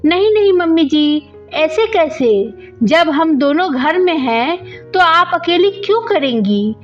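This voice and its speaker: Storybook figure: a polite, hesitant young bride read by a woman, high voice, slow delivery, lo-fi sound. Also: lively intonation, full character voice. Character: shy, dutiful young bride. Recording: dull lo-fi audio with faint music.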